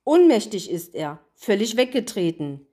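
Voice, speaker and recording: A woman voicing a whiny, ever-freezing male snowman in a storybook reading, with a high wailing voice. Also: big pitch swings, moderate pace, dark tone. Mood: fretful.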